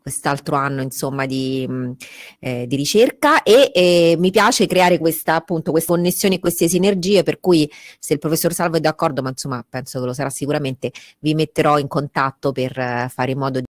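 A woman's voice: low voice, a little fast, no room sound. A woman in her forties moderating a convention from an office studio, speaking into a desk microphone with frequent hesitations. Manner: warm, hesitant, many fillers. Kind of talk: hosting a video-linked convention.

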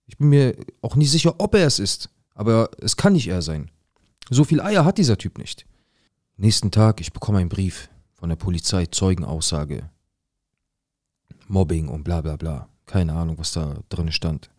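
A young man acting out a rough-talking, paranoid drug dealer who tells his own story in a dramatic monologue full of slang and swearing. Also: sits low, expressive, normal speed, a little mellow, no room sound, studio quality. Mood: tense. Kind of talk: dramatic first-person monologue.

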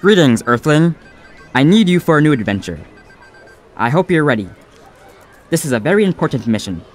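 A man's voice: fairly high pitch, big pitch swings, fairly quick, faint music behind. A man voicing a robotic space commander who speaks in a terse, commanding way, his voice given a robot effect.

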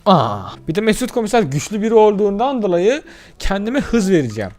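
Man, let's-play gamer commentary, excitable and chatty, swings up and down in pitch, slightly high voice, soft music underneath. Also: fast. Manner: excitable, chatty, curses casually at the game; addresses viewers directly. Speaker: gaming YouTuber.

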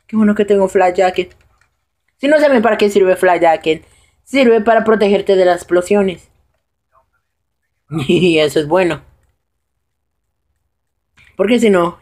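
A man giving casual live commentary over his own gameplay, excitable and prone to high shouts when things go wrong. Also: unhurried, long pauses.

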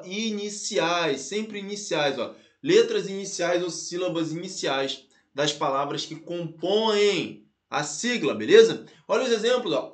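A Brazilian man teaching a grammar lesson online in a lively way, calling out to his students and spelling letters out slowly. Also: high-pitched, reverberant. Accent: Brazilian Portuguese. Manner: lively, addresses viewers as "galera" and "pessoal", spells letters out slowly.

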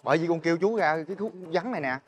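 A young actor with a Southern Vietnamese accent, playing a smooth-talking swindler who coaxes and chuckles his way into a deal. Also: on the high side, rapid-fire, close to an everyday voice. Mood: excited. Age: young adult. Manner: persuasive, coaxing, chuckling often. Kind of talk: TV drama acting.

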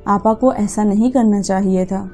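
A woman voicing a sharp-tongued young daughter-in-law who talks back defensively in a mellow, low-key tone. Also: fairly even intonation, measured pace, soft background music, close to an everyday voice. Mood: complaining. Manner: snappish and defensive.

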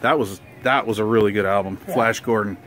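A man's voice: on the low side, a little fast, fairly bright tone. A man in his fifties filming a casual vlog while walking through a record store, exclaiming with enthusiasm over the old gear. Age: 50s. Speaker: vlogger. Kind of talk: casual handheld shop tour vlog.

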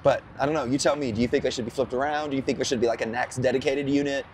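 A hoarse man who is losing his voice, co-hosting outdoors at a charging station in a chatty, rambling way. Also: mid-range voice, fairly even intonation, rapid-fire, a little mellow, a little hiss or hum. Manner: chatty, rambling, full of fillers. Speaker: co-host. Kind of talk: casual explanatory chat.

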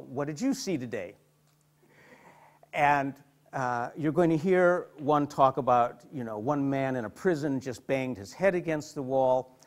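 A middle-aged man, a psychotherapist, lecturing to an audience and telling stories animatedly, often repeating and restarting words. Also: a little high. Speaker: psychotherapist giving a hospital lecture.

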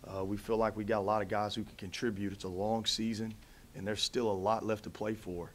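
A man in his thirties, a head coach at a post-game press conference, answering in a measured way with many fillers and restarts into a table mic. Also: fairly low pitch, level tone. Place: press conference room in front of a backdrop. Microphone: table mic in front of him.

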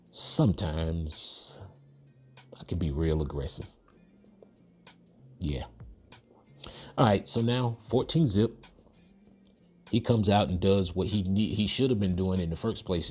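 A man hosting a football video game tutorial, giving casual commentary over his own gameplay with cocky, playful trash talk and chuckles. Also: sits low.

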